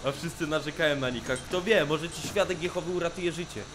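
A young man casually commenting on a video game as he plays, cracking jokes, swearing often and shouting at the screen when things get tense. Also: on the high side, fairly quick, noisy background. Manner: jokey, swears a lot, yells at the screen in tense moments. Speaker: let's play gamer. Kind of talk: casual let's play commentary.

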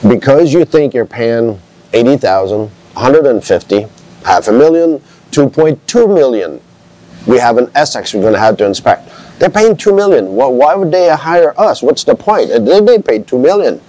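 A man's voice: mid-range voice, very animated, moderate pace, dark tone, rough recording. A man who works as an RV inspector, talking emphatically and a bit like a lecture in casual chat to camera.

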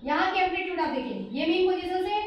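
High-voiced Indian woman teacher, very echoey. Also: fast talker, dull audio. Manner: rhetorical questions answered at once, frequent "theek hai". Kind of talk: classroom lesson explanation. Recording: very echoey room.

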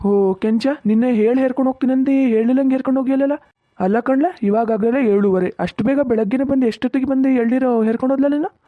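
A fussy older farmer in a cartoon, voiced by an actor. He grumbles and frets at a quick clip. The sound is thin and phone-like, with no room echo. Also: high voice, close to an everyday voice. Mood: fretting. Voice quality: fast, grumbling, talks to himself. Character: older village farmer with coconut grove, fussy, fretting about money. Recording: tinny narrow-band sound, dry.

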